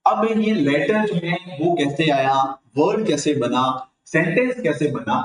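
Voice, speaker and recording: A man with a Rajasthani Hindi accent teaching an online grammar lesson, asking the class questions and answering them himself. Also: high-pitched. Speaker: tutor. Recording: echoey room, mic far off.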